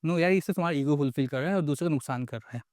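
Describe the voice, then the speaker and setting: Man, Indian accent, lecture, animated, higher voice, dry room. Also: racing, dry recording. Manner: animated, mixes English into his talk, rhetorical questions. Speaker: astrology teacher. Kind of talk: casual lecture.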